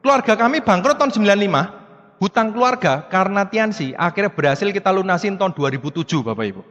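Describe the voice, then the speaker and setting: High-voiced guy giving an animated motivational speech, talking straight to the crowd, echoey hall. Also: fast, highs cut off. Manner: animated, repeatedly addresses the audience as "Bapak Ibu". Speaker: motivational speaker. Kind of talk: motivational seminar talk. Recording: long hall reverb.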